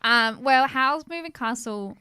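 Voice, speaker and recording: A woman's voice: high voice, pushed and bright, smooth, no room sound, clean studio sound. A woman co-hosting a casual anime podcast, enthusiastic and gushing about films. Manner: enthusiastic, gushing, quick reactions. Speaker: podcast co-host.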